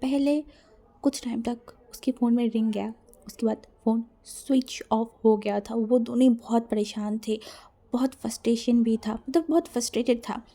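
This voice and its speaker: A woman's voice: a little high, steady tone, normal speed, dark tone. A woman narrating a fan-fiction story in a dramatic way, mixing in English words.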